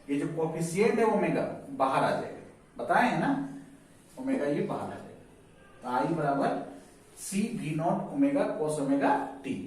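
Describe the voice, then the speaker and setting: High-voiced man lecturing in an echoey room. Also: distant mic, a little hiss or hum. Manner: repeats key terms and quizzes students. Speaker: physics teacher. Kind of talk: whiteboard lecture.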